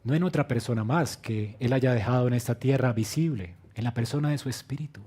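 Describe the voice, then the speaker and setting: A man preaching a sermon as pastor, swinging between quiet low phrases and loud emphatic bursts, and asking the congregation direct questions. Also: brisk, husky. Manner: acts out quoted lines with direct questions to the congregation.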